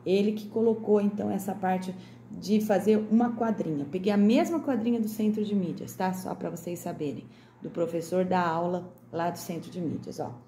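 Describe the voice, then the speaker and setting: A woman teaching young children remotely, with a Brazilian Portuguese accent, slowly sounding out each word. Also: fairly low pitch, mellow, roomy sound, a little hiss or hum. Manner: slow, over-articulated sounding out of words for children. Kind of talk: remote classroom lesson.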